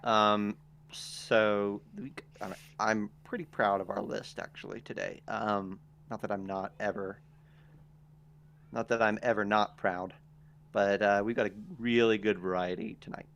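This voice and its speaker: A man's voice: lowish voice, fairly even intonation, measured pace, a bit bright, smooth. Hesitant male podcast host. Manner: hesitant, lots of ums and restarts. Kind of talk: casual podcast chat.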